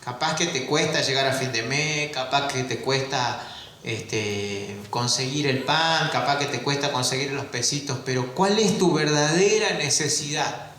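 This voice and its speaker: A man's voice: mid-range voice, a little slow, fairly bright tone, a little hiss or hum. A man preaching a sermon, questioning his listeners and drawing out key words. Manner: asks the congregation rhetorical questions, stretches key words. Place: church. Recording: very echoey church room.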